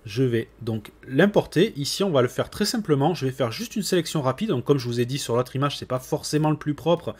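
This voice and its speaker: A man's voice: medium pitch, fairly quick, hardly any pauses, slightly rough. A man hosting a computer tutorial, casually talking viewers through a screen recording step by step, with frequent little fillers as he clicks. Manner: relaxed, chatty, with frequent "hop" and "voilà".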